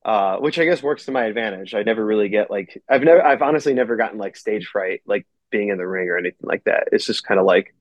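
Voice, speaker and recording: Speaking in a lowish voice with no room sound, in a dry and slightly muffled recording, this wrestler and company owner chats as a podcast guest. His talk wanders, gets profane, and is packed with "like."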